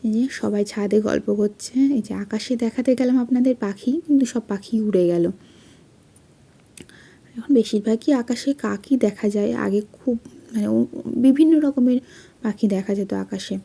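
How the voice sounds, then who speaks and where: A young woman, a vlogger doing a soft late-night voice-over, speaking quietly so she won't wake her sleeping child. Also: on the high side, moderate pace, gravelly, husky.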